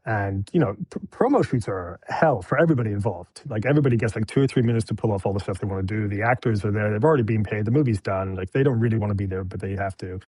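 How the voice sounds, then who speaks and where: A man being interviewed on a podcast as a film director guest, telling stories in a candid, animated way. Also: on the low side, quick pace, few pauses, husky, no echo. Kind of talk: casual interview chat.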